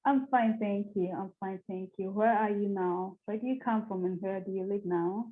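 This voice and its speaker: A woman's voice: mid-range voice, moderate pace. A woman interviewer who asks simple questions and often repeats them. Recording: tinny phone-like line.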